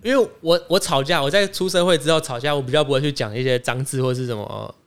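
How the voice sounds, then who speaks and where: Rapid-talking young man. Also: mid-range voice, clean tone. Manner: animated, rapid storytelling with quick restarts. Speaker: podcast co-host. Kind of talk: casual chat storytelling.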